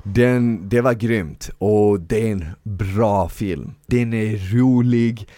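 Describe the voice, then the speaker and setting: A man's voice: on the low side, dark tone, no room sound. A man hosting a podcast in a studio, chatting eagerly with many fillers and restarts. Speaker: podcast host. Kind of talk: casual chat.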